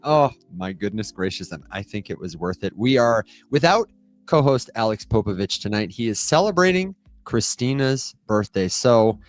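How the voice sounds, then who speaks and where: A man's voice: fairly low pitch, lively intonation, normal speed, faint music behind. Playful man hosting a podcast. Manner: playful, upbeat, explaining a game. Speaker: podcast host.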